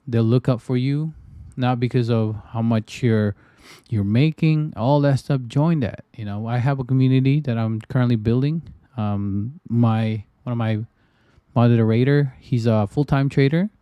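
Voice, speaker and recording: A Filipino man chats casually on his trading livestream, rambling loosely and repeating himself with lots of restarts and fillers. His medium-pitched voice is clear and resonant, recorded dry with a lo-fi sound.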